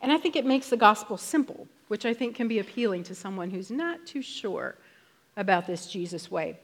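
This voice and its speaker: A woman delivers a sermon in a church with a voice of middling pitch. She talks to the congregation casually, then leans hard on key words and slows right down for emphasis. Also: lively intonation. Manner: conversational, emphatic, with slowed stressed phrases. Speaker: preacher.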